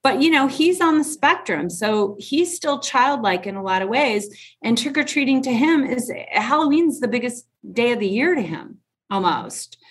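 A woman's voice: a little high, a bit bright. A woman in her forties, a guest in an interview, speaking bluntly and frankly with emphasis. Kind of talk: conversational interview.

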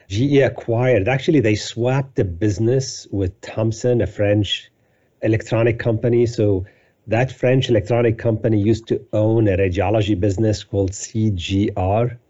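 A man in his fifties from Lebanon answers interview questions in a relaxed, detailed way. His voice is low and mellow, and the sound is slightly muffled. He pauses now and then with "uh" and "um" as he builds his story. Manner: detailed storytelling with frequent fillers. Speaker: guest, company CEO.

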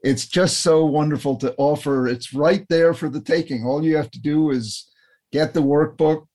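A man's voice: fairly high pitch, normal speed. A man hosting an interview as a psychiatrist, affirming his guest and agreeing often. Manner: warm, affirming, frequent agreement. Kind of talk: conversational interview.

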